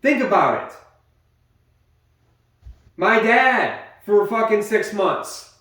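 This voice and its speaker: Angry, foul-mouthed man arguing at home; fairly high voice, captured from across a very echoey room. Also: big pitch swings, slow pace. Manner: angry, swearing, shifts between yelling and low muttering. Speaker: partner in a domestic argument. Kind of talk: heated argument. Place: house, indoors. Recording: echoey room, voice far from the mic.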